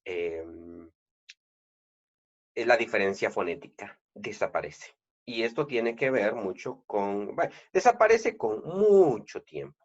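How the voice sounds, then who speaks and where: A lower-voiced man with a Guatemalan accent teaches a recorded lesson. His pitch rises and falls a lot as he works through each point, pausing on filler sounds and restarting phrases. The recording is dull and lo-fi. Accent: Guatemalan Spanish. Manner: explains slowly with frequent "eh" fillers and restarts. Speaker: Spanish grammar teacher.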